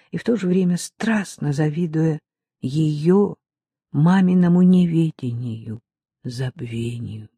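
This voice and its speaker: Slow, measured audiobook narrator. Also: mid-range voice, slightly rough, dry recording. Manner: slow, measured, even reading. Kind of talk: scripted literary narration.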